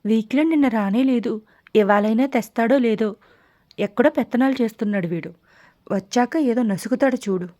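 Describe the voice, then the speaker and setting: A woman's voice: a little high, moderate pace, no room sound, clean studio sound, natural voice. Woman voicing an eager chatty younger sister. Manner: excited, chatty, a bit haughty.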